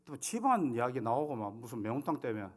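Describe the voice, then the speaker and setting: Lively Gyeongsang pastor preaching. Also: male voice, medium pitch, fast talker. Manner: humorous, conversational, acting out scenes. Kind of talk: sermon.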